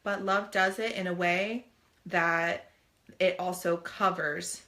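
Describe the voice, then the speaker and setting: A woman's voice: lowish voice, steady tone, takes it slowly, sharp tone. A woman co-hosting a family talk show, chatting earnestly and putting on playful voices for quotes. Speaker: co-host. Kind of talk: casual chat.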